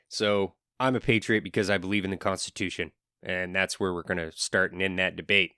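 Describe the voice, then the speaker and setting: A fairly low-pitched man speaks in an earnest, lecturing solo podcast monologue. He adds wry asides along the way. The sound is dry and close-miked, with no room around it. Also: fairly even intonation, moderate pace, bright, forceful tone, clean tone, dry recording. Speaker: podcast host.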